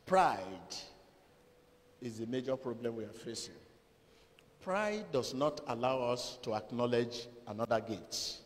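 Slow, emphatic preaching man in a big hall. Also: mid-range voice, expressive. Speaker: pastor. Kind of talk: sermon. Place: large church hall with a seated congregation. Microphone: handheld microphone. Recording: long hall reverb, faint room noise.

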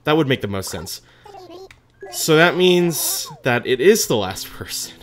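A gaming host giving casual gameplay commentary, musing aloud in an animated way and sometimes reading game text. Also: mid-range voice, measured pace. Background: game music.

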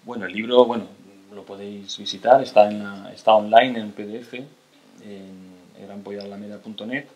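A Spanish man lectures to an audience from a table in a lecture hall, speaking hesitantly with restarts and tag questions. His voice is on the low side, steady and darkish, at a normal speed, picked up by a table mic on a stand.

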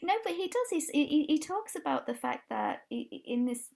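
Here a Yorkshire-accented English woman in her forties, a life coach, appears as a guest on a casual podcast, talking earnestly over a video call from her home, where a brick wall stands behind her. Her voice sits high, creaky and a little mellow, with lively intonation at a normal speed, and she often restarts sentences.

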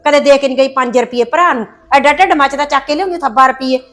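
A woman's voice: high-pitched, fast, fairly bright tone. An actress playing a quarrelsome, proud middle-aged village mother who scolds and complains indignantly in a family drama. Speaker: mother of a married daughter. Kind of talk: rural family drama acting.

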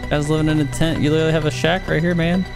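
A man's voice: fairly high pitch, little pitch movement, racing, creaky. A man casually commentating a live game stream, playful and chatty with his viewers. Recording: music behind the voice.

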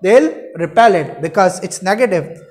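A man's voice: high voice, expressive, moderate pace, a little mellow. A young man gives an explanatory classroom lecture. He teaches by posing questions and answering them himself, adding short check-in tags as he goes. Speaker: chemistry teacher. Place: indoor room at a whiteboard.

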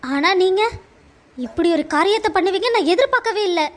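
A woman's voice: very high-pitched, expressive, fairly quick. A woman voicing an anxious, outspoken young wife in a cartoon family drama, emotional and stammering. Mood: indignant.

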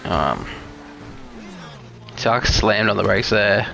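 A man's voice: lowish voice, expressive, slow pace, vocal fry, pushed and bright, slight background noise. A young man streaming a driving game live, chatting casually with viewers, swearing often and venting road rage. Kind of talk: live gameplay commentary.

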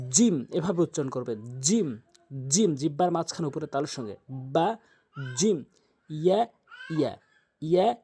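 A man's voice: a little high, vocal fry, dark tone, husky. A man teaching Quran reading step by step. He patiently drills each letter sound, repeating it several times. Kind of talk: step-by-step pronunciation lesson.

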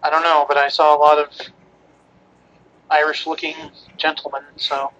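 This is an exasperated, argumentative young grandson acted by a man in a comedy phone skit. The male voice is bright and a little high, stumbling defensively through objections. Faint noise sits behind it. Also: monotone, moderate pace, highs cut off.

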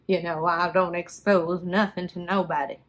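A woman's voice: on the low side, little pitch movement, normal speed, pitched below the performer's own voice, close to an everyday voice. A woman voicing a sweet, rambling old lady in her late eighties, folksy and obtusely literal, in a prank call. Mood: rambling, obliviously literal. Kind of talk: prank phone call role-play. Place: small bedroom, indoors.

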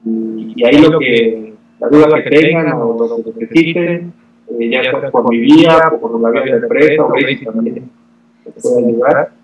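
Man in his 40s, relaxed guest, webcam call from a shop, roomy echo, crowd murmur behind. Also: medium pitch, normal speed. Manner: relaxed, short agreeable replies. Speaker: guest, racket shop owner. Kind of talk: casual chat interview. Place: indoor shop with rackets on the wall. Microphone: webcam on a video call.

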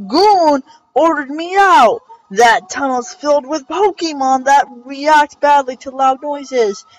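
A woman voicing a worried man who was digging a tunnel, reading his game lines slowly and overdramatically. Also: high-pitched. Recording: dull lo-fi recording with faint music.

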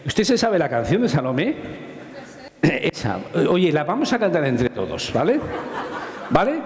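A man with a Spanish accent giving a lively public science talk, joking and asking his audience questions. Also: on the high side, unhurried, crowd noise. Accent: Spanish from Spain. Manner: jokey, asks the audience questions, swears casually. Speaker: microbiology lecturer. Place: large lecture hall. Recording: roomy hall with long reverb.

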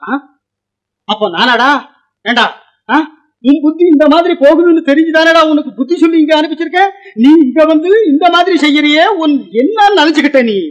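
An actor playing a stern older uncle who heads the household, grumbling with gruff interjections in 1950s film style. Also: male voice, extremely high pitch, moderate pace.

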